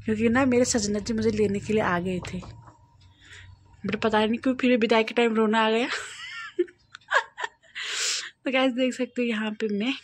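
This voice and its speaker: A young woman with an Uttarakhand Hindi accent talks casually to her viewers in a fairly high voice. She is chatty and playful and laughs easily as she goes through her wedding album page by page. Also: steady tone, moderate pace, long pauses, slight background noise. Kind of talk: casual chat to camera.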